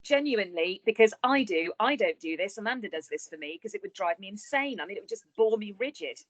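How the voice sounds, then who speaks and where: A woman's voice: medium pitch, expressive, quick pace, no room sound, low-quality recording. A woman coaches a client over a video call, talking in a chatty, encouraging way. Her advice is practical and she uses plain idioms. The sound is dry. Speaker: business coach.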